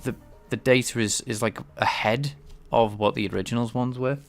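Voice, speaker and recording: In a steady, medium-pitched voice at normal speed, a game developer streams his work with faint music behind. His casual live-coding commentary explaining his game engine comes out hesitant and full of restarts as he thinks aloud. A cold leaves him sounding a little stuffed-up and nasal.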